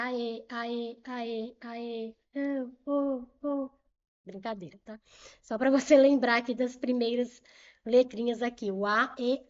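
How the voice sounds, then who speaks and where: A woman's voice: a little high, lo-fi sound. A woman with a Brazilian Portuguese accent teaching a grammar lesson for exam prep, patiently repeating rules and asking and answering her own questions.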